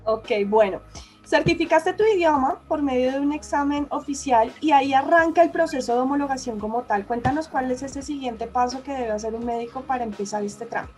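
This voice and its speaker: A woman's voice: sits high, a little fast, a little mellow. A woman interviewing a guest, asking brief prompting questions. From Colombia. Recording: faint music underneath.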